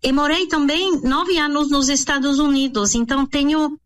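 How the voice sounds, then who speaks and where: Speaking with a high voice and fairly even intonation, a middle-aged native French speaker from France is interviewed as an expert guest. Her French accent is clear, and she stumbles and repeats words while hunting for the right ones.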